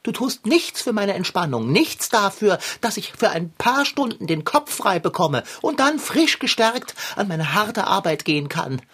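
A woman's voice: medium pitch, very animated, a little slow, hardly any pauses, fairly bright tone, husky, exaggerated voice. A woman doing a pompous, fussy tomcat. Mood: self-pitying. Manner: pompous, theatrical complaining. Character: fussy, dramatic, self-pitying male tomcat. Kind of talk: children's audio drama.

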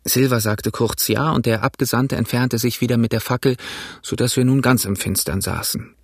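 A man narrating an audiobook in an even, measured reading. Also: mid-range voice, slightly rough, no echo, clean studio sound. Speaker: audiobook reader. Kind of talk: scripted narration.

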